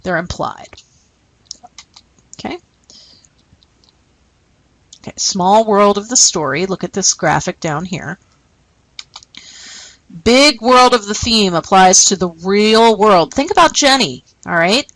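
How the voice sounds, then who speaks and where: A woman's voice: mid-range voice, lively intonation, takes it slowly, long pauses, fairly bright tone, no room sound, low-quality recording. A woman teacher explaining a lesson and reading short stories aloud, often checking in with "okay?". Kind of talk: recorded classroom lesson.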